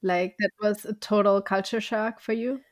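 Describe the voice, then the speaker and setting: Woman host asking relaxed questions. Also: medium pitch, moderate pace, no room sound, clean studio sound. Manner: relaxed, asks short questions, laughs along. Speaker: podcast host. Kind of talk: casual interview.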